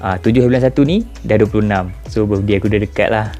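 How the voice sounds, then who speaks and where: A Malaysian vlogger in his twenties, speaking with a Malay accent, delivers a casual, reflective monologue to the camera, addressing viewers informally with rhetorical questions. His voice is lowish and mellow, he talks fast, and soft music plays in the background.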